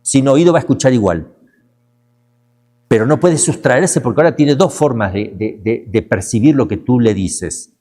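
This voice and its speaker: A man, a priest, teaching a class in a lively, emphatic way, repeating words and slipping into brief mocking voices. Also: mid-range voice, moderate pace. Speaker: priest teaching a demonology course. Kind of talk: lecture class.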